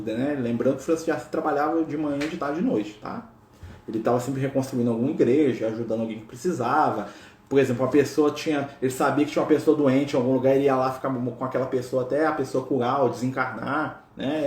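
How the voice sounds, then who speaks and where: A man's voice: medium pitch, a little mellow. Chatty Brazilian man telling a religious story. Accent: Brazilian Portuguese. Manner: chatty, with frequent tag questions. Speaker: spiritual speaker. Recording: roomy echo.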